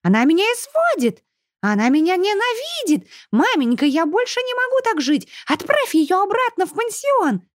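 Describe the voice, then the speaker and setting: Shrieking spoiled girl, whiny, very high pitch, swooping, storybook reading. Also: big pitch swings, moderate pace, no echo, clean studio sound. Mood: wailing. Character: shrill spoiled little girl, whiny and tearful.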